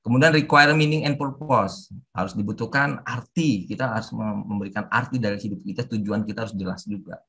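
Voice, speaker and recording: A middle-aged man giving a webinar lecture with forceful, emphatic intonation, mixing in English terms. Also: fairly low pitch, brisk, slightly rough. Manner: mixes English terms into talk. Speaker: civil service trainer. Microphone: online webinar audio.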